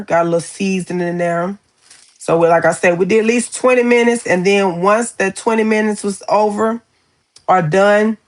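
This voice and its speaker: A woman in her forties chatting casually on a live stream, talking to viewers as y'all and baby and reading their comments aloud. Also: mid-range voice. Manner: reads viewer comments aloud and answers them.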